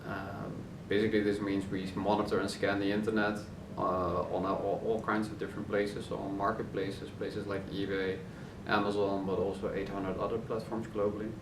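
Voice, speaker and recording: A man, a company co-founder, explaining his business in a relaxed interview with many fillers. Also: fairly low pitch, moderate pace, few pauses. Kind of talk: casual interview answers. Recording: roomy office, distant mic, noisy hum.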